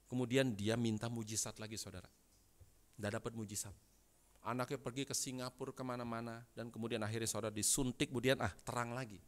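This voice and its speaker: A pastor preaching a sermon in dramatic storytelling style, dropping to quiet asides and rising to loud emphatic bursts. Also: male voice, medium pitch, fairly even intonation, quick pace. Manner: dramatic storytelling, frequent address to listeners as brothers and sisters.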